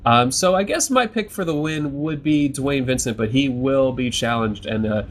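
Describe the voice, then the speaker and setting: Faint noise sits behind a man with a mid-pitched voice. He works as a motorsport co-commentator, giving analysis in a broadcast style. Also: moderate pace.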